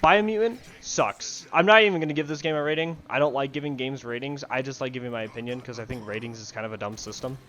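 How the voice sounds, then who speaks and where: A man's voice: mid-range voice, fast, hardly any pauses, fairly bright tone. A young man ranting casually about games he dislikes, profane, rambling and sarcastic, recorded on a headset mic in his bedroom. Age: young adult. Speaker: gaming video ranter. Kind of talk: casual rant to camera.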